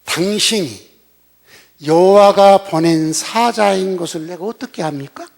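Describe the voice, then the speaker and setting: An older pastor voicing a frightened young farmer who pleads and protests during a sermon retelling. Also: male voice, sits high, unhurried, gravelly. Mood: pleading.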